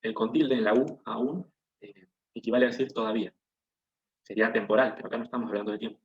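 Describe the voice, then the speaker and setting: Over muffled, echoing, low-quality video-call audio, a man teaches an online lesson in a steady, medium-pitched voice. He moves fast, breaking things down step by step and regularly asking how his students are doing.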